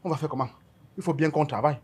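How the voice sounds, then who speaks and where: An actor playing a gendarme who complains about the heat and the lack of fuel. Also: male voice, a little high, very fast, breathy edge. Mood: complaining. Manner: grumbling, complaining.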